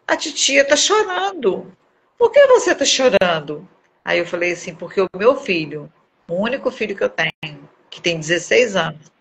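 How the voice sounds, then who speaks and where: A middle-aged woman, giving an earnest, emotional personal testimony as a guest on a live stream, with halting repeats. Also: lowish voice, vocal fry, a bit bright, low-quality recording. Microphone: phone or webcam on a live video.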